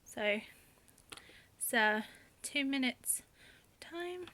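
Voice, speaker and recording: A woman's voice: sits high, lively intonation, extremely slow, sharp tone, a little hiss or hum. Hesitant woman vlogging. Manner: hesitant, many fillers and restarts. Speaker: author and channel host. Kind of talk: casual vlog talk.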